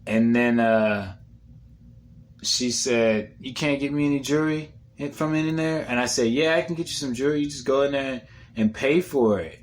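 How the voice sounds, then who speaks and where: Rambling, profane man, low-key delivery. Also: moderate pace. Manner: rambling, profane, retells dialogue in a low mutter. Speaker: comedian. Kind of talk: casual storytelling monologue.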